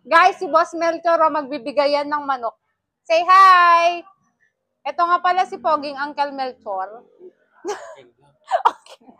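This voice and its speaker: Her voice sits high, pushed and bright, expressive but slow with long pauses. This Ilocano-accented woman vlogs from a village gathering, playfully teasing little kids and chatting to the camera in a casual mix of languages.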